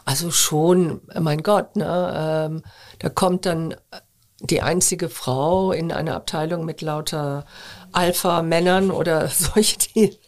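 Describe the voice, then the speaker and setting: An older woman, a former journalist, answering interview questions in a measured, thoughtful way with frequent hesitations. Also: sits low, fairly even intonation, darkish tone.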